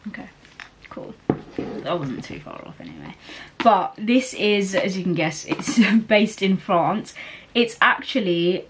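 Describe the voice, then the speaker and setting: A woman's voice: mid-range voice, a little hiss or hum. A young woman chatting casually about books as a vlogger, rambling along with lots of fillers and laughs. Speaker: book vlogger. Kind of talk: casual chat.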